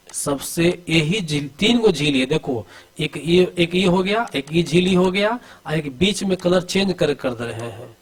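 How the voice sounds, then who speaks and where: A man's voice: on the high side, low-quality recording. Male coach drilling exam answers. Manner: asks questions and repeats answers in a drill; addresses students familiarly, urging quick answers. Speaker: coaching teacher. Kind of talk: exam-prep lesson over diagrams.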